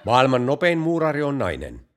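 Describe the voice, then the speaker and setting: A man hosting a joke podcast, telling jokes in a dry, deadpan way. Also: medium pitch. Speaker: podcast host.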